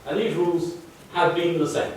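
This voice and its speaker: An older Mancunian man from Manchester, England gives a public lecture in a large hall, explaining charts with dry, wry asides. His fairly high, darkish voice keeps a fairly even intonation at a moderate pace, with a little hiss or hum. The hall is very echoey and he sounds far off.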